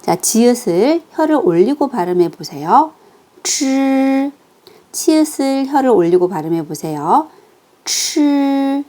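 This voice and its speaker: A woman teaching a recorded online language lesson, patiently walking through pronunciation with slow, careful demonstrations. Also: medium pitch, big pitch swings, dark tone.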